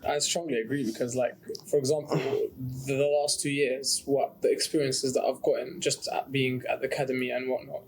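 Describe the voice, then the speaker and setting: A man's voice: medium pitch, flat delivery, normal speed, few pauses, rough recording. Chatty young man. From Jordan. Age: young adult. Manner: chatty, storytelling, many restarts. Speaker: student. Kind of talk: casual discussion.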